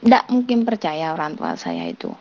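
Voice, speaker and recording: A woman from Indonesia casually telling a true ghost story, animated, acting out quoted people and mimicking noises. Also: deep voice, normal speed, creaky. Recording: dull lo-fi sound.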